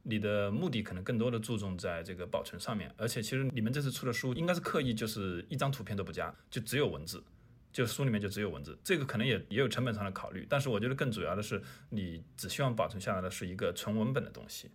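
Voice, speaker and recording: A man's voice: on the low side, lively intonation, fast talker, slightly rough. A man hosting a casual podcast, talking in long, reflective turns.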